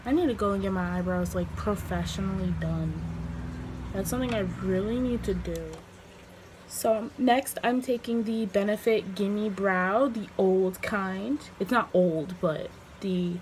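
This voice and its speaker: Woman, slightly hoarse voice, slow pace, casual chatty makeup tutorial, noticeable room noise. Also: medium pitch, poor audio. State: slightly hoarse, recovering from lost voice. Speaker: beauty vlogger.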